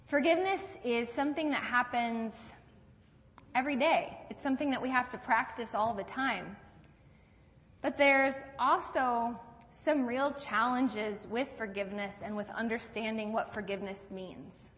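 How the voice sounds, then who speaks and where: Woman pastor giving a chatty sermon, a bit high voice, lots of long church echo. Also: measured pace, a bit bright. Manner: conversational storytelling with rhetorical questions.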